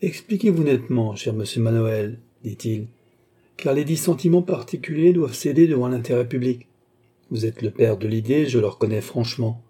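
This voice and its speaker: A man's voice: medium pitch, moderate pace, dark tone, husky, close to an everyday voice. A man voicing a cocky, touchy male swindler in an audiobook, blustering and emphatic. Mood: pleading.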